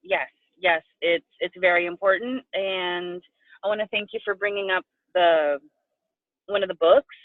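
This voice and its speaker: A Puerto Rican woman, a coaching client, speaks in a lowish, steady voice at a measured pace during a video-call interview. She is effusive and gushing, tearful at times. The recording is dry but comes through a tinny, phone-like line.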